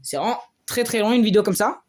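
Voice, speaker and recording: A man giving casual gameplay commentary as a streamer, excitable and often bursting into loud cheers. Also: sits high, fast. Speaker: game streamer.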